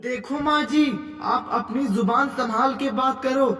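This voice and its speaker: A voice actor doing a defiant young daughter-in-law. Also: female voice, high voice, measured pace. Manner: cheeky, quarrelsome. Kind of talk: cartoon comedy skit. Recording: echoey, distant, loud music behind.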